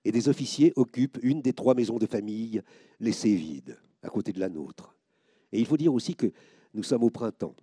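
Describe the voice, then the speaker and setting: A man reading first-person stories aloud, expressive, lifting his voice sharply when he quotes the people in them. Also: lowish voice, normal speed, husky, no echo, studio quality. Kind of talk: scripted narration.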